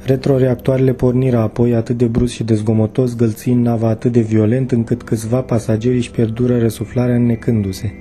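A man narrating an audiobook excerpt in a steady, measured reading. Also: mid-range voice, a little hiss or hum. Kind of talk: scripted narration. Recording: faint background music.

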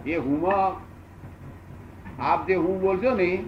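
A man in his seventies answering questions as a spiritual teacher, unhurried and repeating phrases for emphasis. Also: sits high, muffled recording, a little hiss or hum. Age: 70s.

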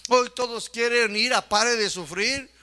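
High, bright-voiced fervent male preacher. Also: a little slow. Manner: fervent, with rhetorical questions and repeated "my brothers". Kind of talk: sermon.

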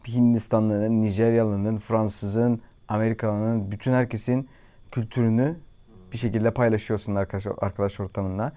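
A man's voice: lowish voice, level tone, normal speed, warm tone. A man in his thirties with a Cypriot Turkish accent, a singer answering interview questions in an earnest, reflective way with hesitant fillers. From Cyprus. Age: 30s. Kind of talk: casual chat. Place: studio.

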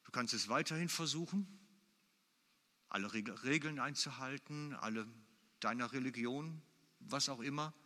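A man's voice: mid-range voice, moderate pace, long pauses, sharp tone. A man preaching a sermon in German, emphatic and repeating his key phrases for weight. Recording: long hall reverb.

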